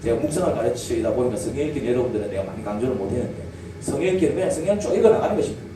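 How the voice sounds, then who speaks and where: A man's voice: mid-range voice, lively intonation, rapid-fire. A male pastor preaching a sermon to his congregation, asking them questions and drawing spoken replies. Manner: asks the congregation questions and draws call-and-response replies. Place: church sanctuary. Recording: echoey church hall, distant mic, background noise.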